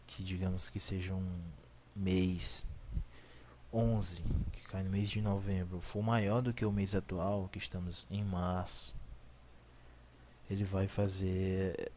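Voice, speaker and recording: Over a screen recording, a young man in his twenties teaches beginner coding as a programming instructor, using a low-pitched, dark voice. He explains things repetitively, corrects himself, and keeps asking "ok?" to check in. There's a bit of background noise.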